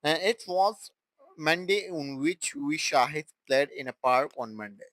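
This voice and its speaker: A young man teaching English grammar in a fairly high voice. He talks very slowly and deliberately and repeats each example sentence. The sound is dry and close, with no room echo. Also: fairly bright tone. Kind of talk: grammar lesson.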